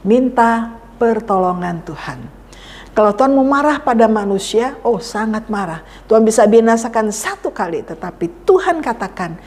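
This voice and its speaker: A woman's voice: a little high, a little mellow, long reverb tail. A woman pastor preaching a sermon, repeating key phrases for emphasis and acting out pleading prayers. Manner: acts out pleading prayers to God. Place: church.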